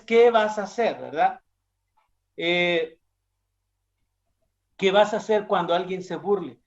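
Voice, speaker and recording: High-voiced young preacher, conversational. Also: male voice. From Mexico. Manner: conversational, asks the listener frequent questions. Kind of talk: sermon. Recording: dull lo-fi sound.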